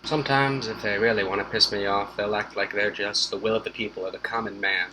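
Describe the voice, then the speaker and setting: A man's voice: lowish voice, fairly even intonation, a little fast, bright, forceful tone, slight background noise, rough recording. A man hosting a casual history commentary, sarcastic and rambling, with swearing asides. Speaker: host.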